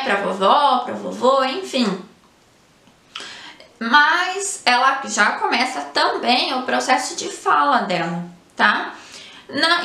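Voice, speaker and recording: High bright-voiced woman explaining in an echoey room. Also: vocal fry. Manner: explains patiently, ends phrases with "tá?" and "né?". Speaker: psychologist. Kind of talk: educational explainer.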